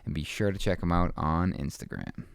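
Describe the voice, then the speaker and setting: A man's voice: low-pitched, a little fast, gravelly, smooth, no room sound, clean studio sound. A man hosting a podcast, reading a sponsor ad and reacting briefly and upbeat to his co-host. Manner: upbeat ad reads and short reactions. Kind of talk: casual chat and read ad.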